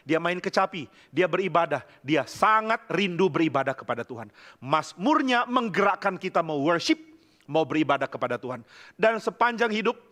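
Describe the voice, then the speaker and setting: A male pastor preaching a sermon, telling scripture stories with lively acted-out dialogue and humorous asides. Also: on the high side. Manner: lively storytelling, acting out biblical voices, humorous asides.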